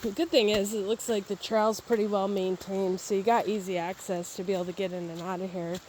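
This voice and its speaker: A real estate agent walks a wooded property beside a babbling creek, chatting casually as she narrates her video tour. Her medium-pitched, darkish voice stays steady and fairly quick. The rough recording picks up faint outdoor noise and the burble of the creek.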